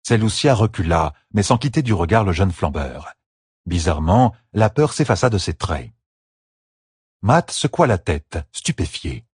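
A man narrating an audiobook in an even, measured storytelling voice on a close studio mic. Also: low-pitched, slightly rough, dry recording. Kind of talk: scripted narration.

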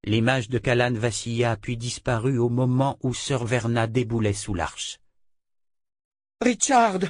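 A man narrating a fantasy audiobook in a measured, dramatic storytelling manner. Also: mid-range voice, fairly even intonation, no echo, clean studio sound.

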